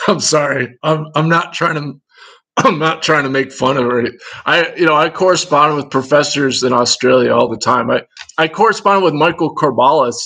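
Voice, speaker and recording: A man's voice: on the high side, moderate pace, sharp tone, low-quality recording. Rambling Minnesotan man on a livestream. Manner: rambling and digressive, talking to viewers in chat. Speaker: livestream host. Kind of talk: casual livestream chat answering viewers.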